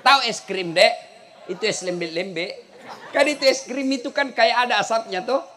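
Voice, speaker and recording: A middle-aged man giving a humorous sermon to a live audience, telling stories and shouting the punchlines. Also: extremely high pitch, moderate pace. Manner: animated storytelling, shouting punchlines with laughter. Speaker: preacher. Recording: live event with crowd and faint noise. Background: crowd laughter.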